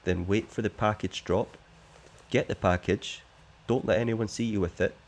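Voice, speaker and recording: A man's voice: on the low side, fairly even intonation, normal speed. A man voicing a shady smuggler boss who offers a secret job, read plainly from the game text.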